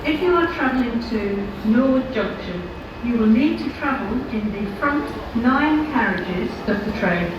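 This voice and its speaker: A woman's recorded voice announces trains over a station loudspeaker, slow and measured. It rings with heavy echo, heard from far off. Loud trains and platform noise fill the background. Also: on the high side, highs cut off. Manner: measured, even announcer delivery. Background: trains and station ambience.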